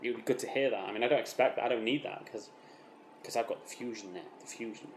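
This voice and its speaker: A British man playing a self-important, defensive razor developer in a mock documentary interview, halting and repeating himself with earnest, deadpan false modesty. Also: medium pitch, close to an everyday voice. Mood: wistful, proud. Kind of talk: mock documentary interview, improvised-sounding monologue. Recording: roomy echo with faint background noise.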